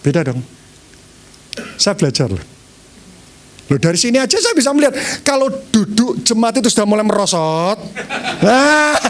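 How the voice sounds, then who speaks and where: A male pastor preaching a sermon to his congregation, animated, acting out different tones of voice. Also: high-pitched.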